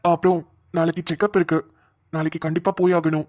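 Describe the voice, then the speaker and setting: A woman voicing a calm, gentle young husband in a cartoon, speaking in a soft, reassuring way. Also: deep voice, fast talker, voice pushed down, natural voice. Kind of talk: cartoon voice acting.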